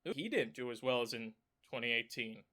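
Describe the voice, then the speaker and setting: A man with a clogged nose talking through election maps for his own channel in a casual way, thinking aloud with many fillers and self-corrections and breaking into excited exclamations. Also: medium pitch, fairly quick. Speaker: political commentary YouTuber. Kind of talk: casual screen-share analysis.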